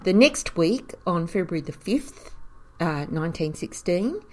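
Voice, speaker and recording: Caretaker type: woman, lower voice, animated storyteller who chuckles often. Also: a little slow. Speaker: caretaker of a historic cottage museum. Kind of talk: storytelling in an interview.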